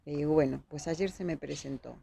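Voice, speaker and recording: A woman's voice: deep voice, brisk, gravelly, dark tone, slightly rough. A woman with a Uruguayan accent, a podcast guest recounting events vividly and acting out the dialogue she quotes. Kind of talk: storytelling in conversation.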